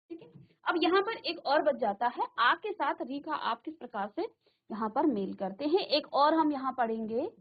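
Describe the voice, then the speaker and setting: A woman's voice: high voice, highs cut off. A woman teacher giving a classroom grammar lesson, repeating terms and asking the class questions, in a virtual classroom studio.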